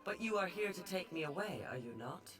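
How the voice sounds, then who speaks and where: A woman's voice: lowish voice, animated, a little fast, music in the background, close to an everyday voice. A woman voicing the ghost of a proud dead navigator, speaking in a stately, formal, aggrieved way. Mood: defiant.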